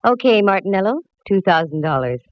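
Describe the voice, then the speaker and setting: An actress in a 1940s radio drama plays a wisecracking female private eye who also narrates, wry, hardboiled, and quick with quips. Her medium-pitched voice is very animated and natural, with no echo, though the old broadcast sounds dull.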